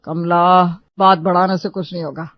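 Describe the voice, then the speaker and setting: A woman voicing a calm older father-in-law who soothes a family quarrel in a cartoon story. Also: normal speed, no echo, close to an everyday voice. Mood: soothing. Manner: low and soothing. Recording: dull lo-fi dry recording.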